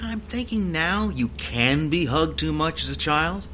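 A man's voice: on the high side, animated, a little slow, bright, forceful tone, a little hiss or hum. A man voicing a grumpy veteran tech repairman with a sarcastic, mocking manner.

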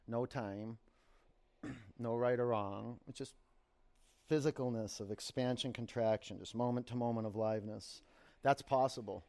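A man teaching yoga and meditation, giving guided instructions in unhurried short phrases with pauses between them. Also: medium pitch, steady tone, dark tone.

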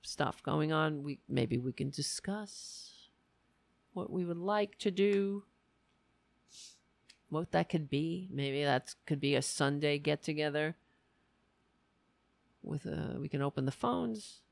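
A woman hosting a live stream, chatting casually and haltingly as if thinking aloud. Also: sits low, lively intonation, creaky, no room sound. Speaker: host of a political live stream. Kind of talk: casual livestream chat.

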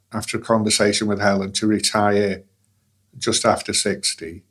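Low-voiced man in his sixties. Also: fairly bright tone, slightly rough. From England. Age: 60s. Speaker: interviewee. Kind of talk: conversational interview.

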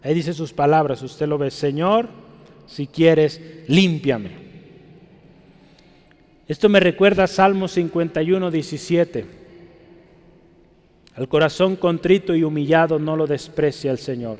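A man's voice: a little high, normal speed, darkish tone, long reverb tail. A man preaching a sermon, emphatic and pleading, often asking his listeners to look closely and agree. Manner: emphatic, pleading, repeats 'fíjese' and '¿verdad?'.

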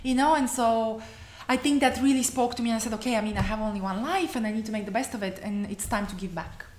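Woman in her 30s, kinda high voice, earnest interview answers, echoey room. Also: fast, darkish tone. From Bulgaria. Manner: passionate, many restarts and "you know". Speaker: interview guest, activist. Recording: echoey room, faint noise.

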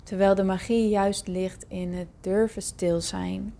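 A woman's voice: medium pitch, flat delivery, measured pace, gravelly, dark tone. A woman hosting a podcast, informally addressing her listeners in an introduction. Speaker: podcast host.

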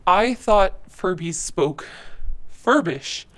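A woman voicing a gentle, kindly mother with a soft, warm delivery. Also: lowish voice, expressive, extremely slow, pitched below the performer's own voice.

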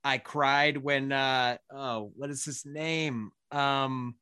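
A man's voice: mid-range voice, steady tone, takes it slowly, pushed and bright, clean tone, no echo, studio quality. Enthusiastic man in casual movie chat.

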